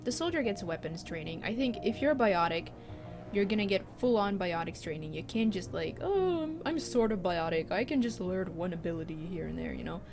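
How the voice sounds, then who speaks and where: A Finnish woman whose first language is Swedish streams a game, talking casually and thinking aloud in a Finland-Swedish accent. Her lowish voice is animated and brisk, with game music in the background.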